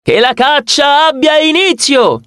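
Male reader doing a shrill, bossy kid manager with an old lady's attitude, brash announcer, high and lively. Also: unhurried, no echo, studio quality, exaggerated voice. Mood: announcing. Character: pushy nine-year-old girl arcade manager, really an old lady.

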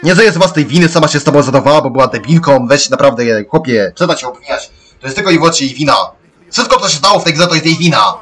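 A man commentating over a video game playthrough. He rants excitably and shouts at the characters on screen. His voice sits slightly high. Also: fast, breathy edge. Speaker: let's play gamer. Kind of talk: gameplay commentary.

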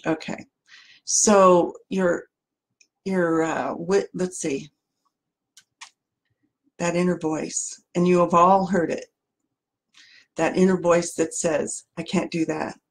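A woman's voice: on the low side, fairly even intonation, slow pace, long pauses. A middle-aged woman life coach giving an earnest motivational talk, often restarting sentences as she searches for words.

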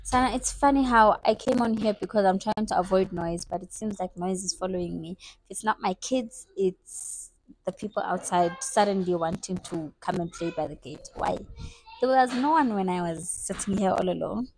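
A woman's voice: medium pitch, moderate pace, a little mellow, slight background noise. A woman in her twenties with a South African accent, chatting playfully and teasing herself in a casual get-to-know-me vlog. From South Africa, Eastern Cape. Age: 20s. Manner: chatty, playful, self-mocking. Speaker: vlogger.

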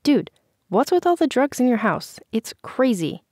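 A woman's voice: mid-range voice, animated, moderate pace, a little mellow, dry recording, studio quality, natural voice. A woman voicing a confident teenage girl who looks out for her friends and talks in a bold, direct, scolding way.

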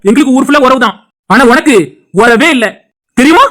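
A woman's voice: high voice, brisk, fairly bright tone, faint music behind. A woman with a Tirunelveli Tamil accent voicing an angry husband in a cartoon, who scolds his wife in a heated, insulting way while defending his brother. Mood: angry scolding. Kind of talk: cartoon dialogue acting.

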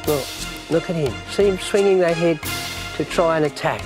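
A man's voice: a little high, normal speed, over music. A man in his fifties with an Australian accent, presenting a wildlife documentary outdoors in a dramatic, emphatic, marvelling manner. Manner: dramatic, emphatic, marvelling, often breaking off to address the animal. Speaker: wildlife show host.

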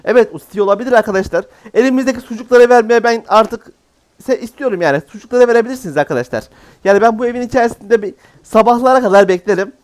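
A man's voice: very high-pitched, fast. A man giving casual, jokey let's-play commentary as a gaming YouTuber, exclaiming often.

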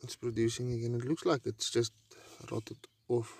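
A man's voice: medium pitch, moderate pace, creaky, breathy edge, dry recording. A middle-aged man narrating casually as he works in an outdoor vegetable garden. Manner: relaxed, commenting while digging. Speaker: homestead vlogger.

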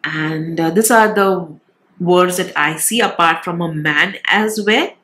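With a lowish, fairly bright voice and a measured pace, a woman who has a cold sounds nasal and congested as she hosts her channel. She gives viewers a casual tarot reading at a decorated tabletop indoors, often checking in with reassuring short tags like "all right" and "okay."

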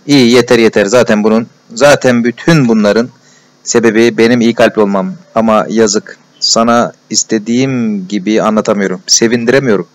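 Man reading young male clerk, shy, tender-hearted, emotional confiding tone, lowish voice, storybook. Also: fairly even intonation, brisk, close to an everyday voice. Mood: fervent. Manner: emotional, breathless confiding, repeated endearments.

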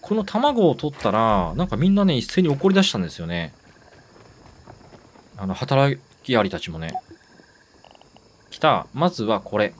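A man giving let's-play commentary, excitable, talking to himself and repeating words in quick bursts. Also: medium pitch, a little hiss or hum. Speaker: game streamer.

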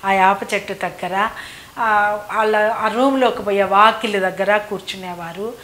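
A woman's voice: medium pitch, steady tone, measured pace, fairly bright tone. Woman reminiscing in an echoey room. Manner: rambling, repeats phrases, fills with "annamaata". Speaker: devotee recounting memories of a saint. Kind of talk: reminiscing oral storytelling.

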